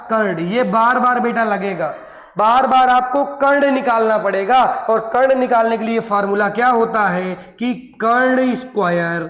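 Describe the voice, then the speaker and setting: This is a man teaching a class, his high voice fairly bright as he coaxes the students and supplies answers to his own questions. The room is reverberant and echoey.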